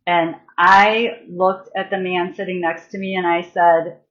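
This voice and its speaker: A woman's voice: fairly low pitch, level tone, muffled recording. A woman spiritual healer and massage therapist, talking casually on a live stream with fillers and restarts, and leading a guided meditation. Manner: chatty, halting, with fillers and restarts.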